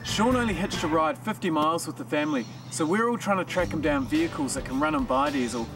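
A man's voice: a little high, expressive, fast talker. A man giving casual, wry scripted voice-over narration for a road-trip show. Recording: music bed underneath.

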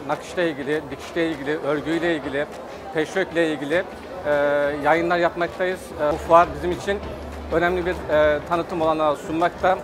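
A middle-aged man giving a trade fair testimonial at his company booth, speaking hesitantly with many filler pauses. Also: a little high, steady tone, noisy background. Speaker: company representative.

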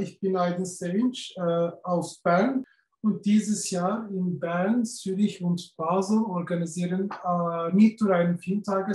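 A man, answering interview questions over a video call, often pausing and searching for words. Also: high voice, a little mellow. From Turkey. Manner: searching for words, many pauses and fillers. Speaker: festival organizer. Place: indoor office with film posters. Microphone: webcam on a video call. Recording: echoey room.

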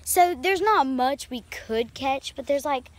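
Out by a small creek, a female vlogger talks into her handheld camera in a loose, filler-packed, cheerful ramble. Her high voice is animated, yet she doesn't hurry.

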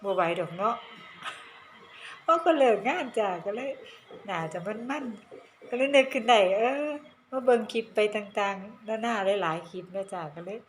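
A woman's voice: medium pitch, unhurried, pauses often, slight background noise. A middle-aged woman with an Isan Thai accent, chatting in a casual vlog with lots of laughter and teasing. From Northeast Thailand. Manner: animated, laughs often, teasing. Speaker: vlogger. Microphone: handheld phone camera.

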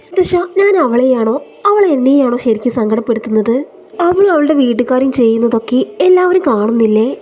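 A woman's voice: fairly high pitch, animated, fairly quick, dark tone, highs cut off. A woman voicing an unhappy young married man who speaks defensively and complains. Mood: frustrated.

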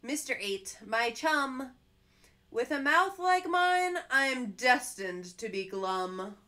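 A woman's voice: high voice, very animated, bright, forceful tone, full character voice. A droopy, sulking cartoon fish, as a woman reading a picture book puts him on, dragging out a gloomy chant. The voice swoops widely up and down and takes its time over every word. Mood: resigned. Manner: drawn-out gloomy sing-song refrain. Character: glum sulky male fish, droopy and mopey.

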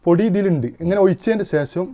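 Man, high voice, casual hands-on demonstration, patient step-by-step explaining. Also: quick pace, a crowd in the background. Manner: explains step by step, keeps asking if you understand. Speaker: home arrowroot powder maker demonstrating.

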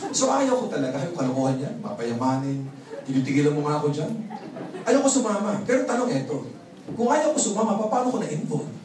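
A man from the Philippines giving an animated motivational seminar talk, telling stories, acting out both sides of the exchange, and laughing often. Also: a little high, brisk. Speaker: marketing plan presenter. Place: large hall with live audience. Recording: echoey hall, crowd noise, distant mic.

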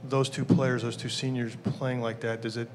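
A man's voice: mid-range voice, flat delivery, normal speed, a little hiss or hum. Rambling male sports reporter. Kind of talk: press conference question.

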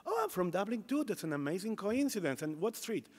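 A man voicing an eager, incredulous bar patron in a joke, leaping up in pitch with excitement, in a reverberant hall. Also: a little fast. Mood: excited. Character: eager chatty Irishman in a bar, male, adult.

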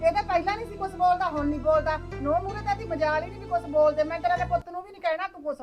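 A woman's voice: extremely high pitch, music in the background. A woman playing a fiery Punjabi village mother-in-law. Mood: grumbling. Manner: scolding, fast and loud. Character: sharp-tongued older village mother-in-law, quick to anger. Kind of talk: village family drama acting.

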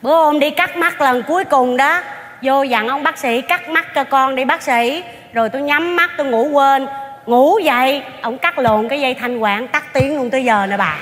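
An actress playing a brash middle-aged fish seller with sharp, teasing retorts in a stage comedy sketch. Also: female voice, high voice, slight background noise. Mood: sassy. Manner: quick, sassy, teasing retorts. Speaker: fortune-teller's client in a stage sketch. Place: large theater stage. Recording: reverberant stage with faint ambience.

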